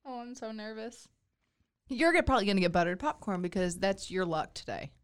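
A woman co-hosting a casual chat while taste-testing candy, chatty and quick to groan in dismay. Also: mid-range voice, clear, resonant tone. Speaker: podcast co-host.

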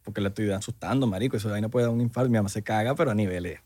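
A man's voice: fairly low pitch, very fast, slightly rough. A young Venezuelan man co-hosting a podcast, joking and ranting in casual chat. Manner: animated, joking, swings into loud rants. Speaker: podcast co-host.

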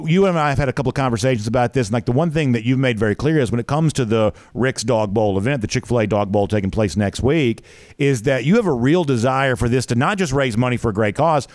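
A man's voice: medium pitch, dry recording, clean studio sound. A man hosting a casual interview, asking long, winding questions in a wordy, conversational way. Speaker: interview host.

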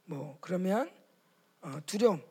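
A woman, a pastor's wife, preaching a sermon to fellow pastors' wives in a dramatic way, acting out quoted voices and swinging from loud outbursts to whispers. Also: fairly low pitch, animated, a little slow, breathy edge.

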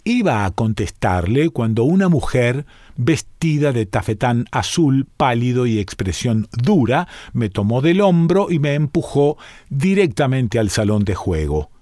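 A man reading a short story aloud in a calm, measured narrating voice. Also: mid-range voice, no echo, studio quality. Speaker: reader.

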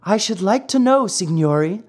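A reader voicing a kind ancient fairy, high and gentle. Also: expressive, moderate pace, natural voice. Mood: gentle, commanding. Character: kind thousand-year-old fairy, gentle and commanding.

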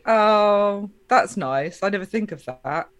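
A woman's voice: medium pitch, lively intonation, takes it slowly, smooth. Essex woman chatting with an Estuary accent. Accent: Essex, Estuary English. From Essex, England. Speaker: podcast guest, comedian. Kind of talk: casual, candid interview chat.

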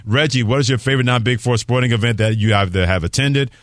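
On live sports talk radio, this New York City host, fifty or older, talks with his co-host and callers. He speaks at a quick pace with medium pitch, and the recording is studio quality with no room sound.

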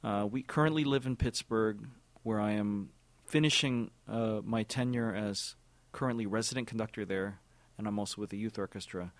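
This orchestra music director, a man in his forties, has a lowish voice and is recorded without echo. He responds to interview questions in a considered, halting manner, full of fillers and repeated words.

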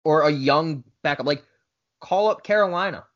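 A man co-hosting a sports podcast, speaking in a laid-back way and pitching trade ideas. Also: moderate pace, a bit bright. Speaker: podcast co-host. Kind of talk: casual sports chat. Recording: dull lo-fi podcast audio.

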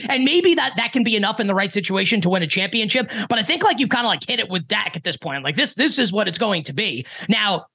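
A man's voice: high-pitched, sharp tone. A man in his thirties, hosting a sports betting talk show in a casual, filler-heavy chat. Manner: chatty, lots of "like" fillers.

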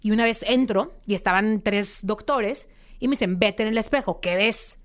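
A woman's voice: mid-range voice, moderate pace. A young woman, a podcast guest telling her story and acting out quoted dialogue. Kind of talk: interview storytelling.

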